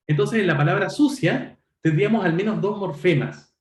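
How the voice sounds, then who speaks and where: A man's voice: high-pitched, moderate pace, roomy sound. A man giving an online linguistics lecture. He explains patiently, checks in with his students and often corrects himself mid-sentence. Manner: self-correcting, frequent "perdón". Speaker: university lecturer.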